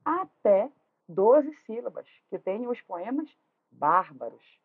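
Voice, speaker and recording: A woman's voice: a little high, sing-song, takes it slowly, husky. A woman teaching a literature lesson, explaining step by step and checking in with tag questions. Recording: tinny phone-like audio.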